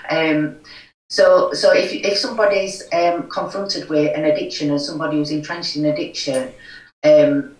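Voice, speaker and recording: A broad Yorkshire accent marks this middle-aged woman from Yorkshire, England, whose voice is low-pitched, fairly even in intonation, and moderately paced. As a recovery forum chair and interview guest on a video call, she talks frankly and earnestly in a conversational way, full of "you know". She's recording in a home room, away from the mic, and the space echoes.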